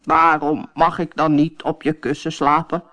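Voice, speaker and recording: Woman doing a slow, pleading talking frog. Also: deep voice, little pitch movement, a bit bright. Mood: coaxing. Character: patient, gentle male frog. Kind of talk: storybook reading.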